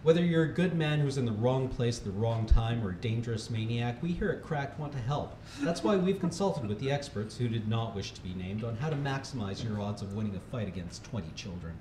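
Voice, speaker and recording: Reading a humorous article aloud at a charity livestream, a man with a medium-pitched voice delivers it in a mock-serious, instructional style, brisk and lively in intonation with few pauses. He frequently breaks into laughter. The recording comes from an echoey room with faint background noise.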